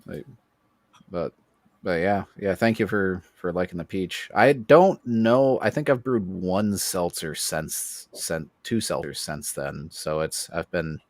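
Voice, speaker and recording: A man co-hosting a podcast, easygoing in casual chat and quick with short agreements. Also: low-pitched, lively intonation, dry recording, studio quality. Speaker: podcast co-host.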